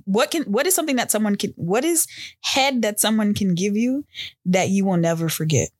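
A woman hosting a podcast in casual chat, animated and laughing with lots of affirming hums. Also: mid-range voice, a little fast, no room sound, studio quality. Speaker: podcast host.

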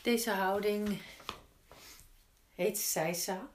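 A woman teaching yin yoga, guiding gently step by step with unhurried pauses between instructions. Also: medium pitch, a little hiss or hum. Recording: roomy, echoing indoor sound.

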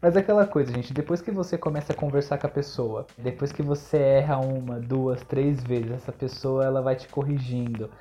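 A man co-hosting a podcast as an English teacher, speaking in a relaxed, encouraging way. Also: mid-range voice, fairly quick, hardly any pauses. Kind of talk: casual podcast chat.

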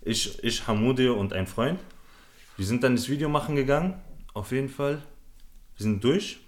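A man's voice: mid-range voice, moderate pace. A young man hosting a podcast, telling a rambling, slangy story to friends with lots of fillers. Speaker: podcast host. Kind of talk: casual storytelling among friends.

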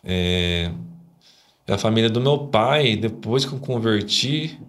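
Man, low pitch, podcast guest, rambling testimony, frequent tag questions. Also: animated, slow, fairly bright tone. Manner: rambling, frequent "né?" tags, emotional storytelling. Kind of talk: conversational testimony.

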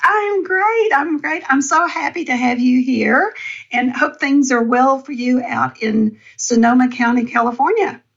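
Bubbly, gravelly-voiced woman podcast host. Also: fairly high pitch, normal speed, muffled recording. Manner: bubbly and enthusiastic. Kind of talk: casual podcast interview. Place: home in the woods.

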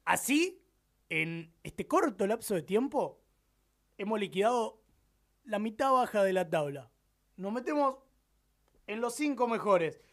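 A man's voice: high-pitched, sing-song, measured pace, long pauses. A man with a Rioplatense accent hosting a late-night radio show, joking and rambling in casual slang. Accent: Rioplatense Spanish. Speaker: radio host. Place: radio studio.

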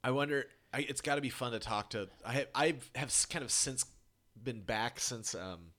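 A man's voice: mid-range voice, normal speed, bright, forceful tone. A man in casual chat, playful and teasing, with dry quips.

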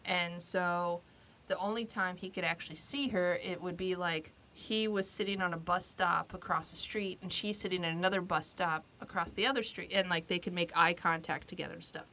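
A woman's voice: fairly low pitch, normal speed, hardly any pauses, slight background noise. Chatty woman retelling a story. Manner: animated retelling with acted-out quotes. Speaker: podcast co-host. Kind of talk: casual storytelling chat.

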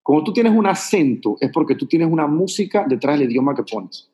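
A man's voice: fairly high pitch, big pitch swings, brisk, mellow. A man from Panama with a Panamanian Spanish accent, chatting animatedly as an actor explaining voice technique and demonstrating sounds. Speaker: actor and voice coach guest. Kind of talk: casual chat, explaining voice technique.

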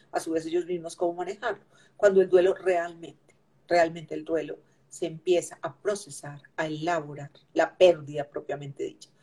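A woman's voice: sits low, warm tone, husky. A woman, a grief counselor, explaining in an interview and repeating phrases for emphasis.

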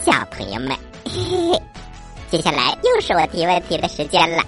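Playful cartoon little frog, very animated. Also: female voice, fairly low pitch, brisk, faint music behind. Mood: playful, cheerful. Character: cheerful little frog quiz host for children. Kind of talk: children's story show quiz segment.

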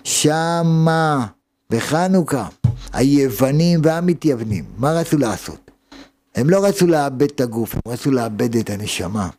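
A man's voice: medium pitch, expressive, darkish tone. A man, a rabbi, giving a sermon with emphatic delivery and many rhetorical questions.

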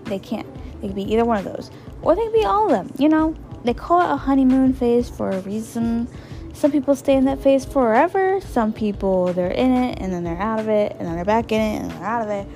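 Gravelly, hoarse woman hosting a podcast. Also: fairly high pitch, animated, brisk, dark tone, faint music behind. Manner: rambling, informal, repeats phrases for emphasis. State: hoarse, voice partly lost. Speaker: podcast host. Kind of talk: casual solo advice podcast.

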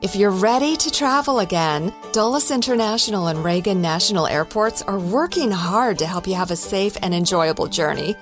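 A woman's voice: mid-range voice, normal speed, hardly any pauses. Female commercial narrator, mid register, scripted read, prominent music bed. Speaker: advertisement announcer.

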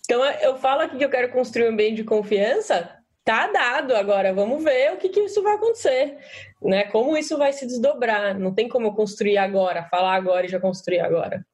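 A woman's voice: on the high side, lively intonation, a little fast, darkish tone. Reflective woman in casual discussion. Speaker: panelist. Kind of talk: casual discussion, acting out example replies.

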